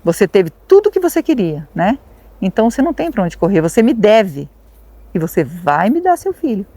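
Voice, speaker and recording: A woman's voice: medium pitch, sing-song, fairly quick, warm tone, dry recording. Woman retelling a blunt, insistent devil. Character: menacing male devil collecting a debt.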